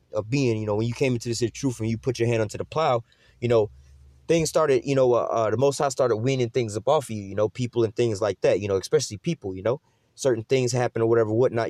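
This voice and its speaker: Fast, rambling street preacher man. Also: medium pitch, mellow, no room sound, clean studio sound. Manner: rambling, full of fillers and slang. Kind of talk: informal preaching.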